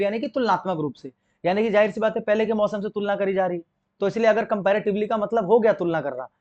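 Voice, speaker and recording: A young Indian man teaching an exam-prep grammar lesson, asking and answering his own questions and reading example sentences slowly. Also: high voice, darkish tone, dull audio.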